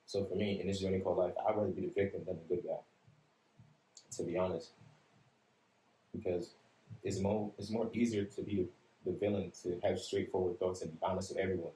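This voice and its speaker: Podcast host, male, deep and mellow, calm matter-of-fact talker, echoey room. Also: fairly quick, pauses often. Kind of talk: casual podcast chat. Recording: roomy echo with faint room noise.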